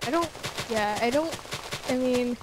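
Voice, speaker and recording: High-voiced teasing woman. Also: a little slow, background noise. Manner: teasing, coaxing, giggly. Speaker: friend in a gaming session. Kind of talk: casual gameplay chat.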